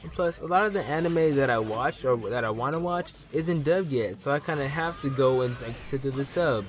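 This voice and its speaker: A young man hosting an anime vlog, talking in an animated, joking, playful way to his viewers. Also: mid-range voice, a little fast, soft background music. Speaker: anime YouTuber host. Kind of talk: casual vlog commentary.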